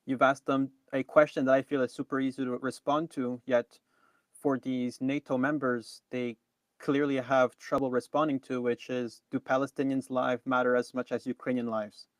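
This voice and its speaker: A man's voice: medium pitch, flat delivery, normal speed, no echo. A man co-hosting a live online news review, talking casually with many ums and restarts. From Canada. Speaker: co-host.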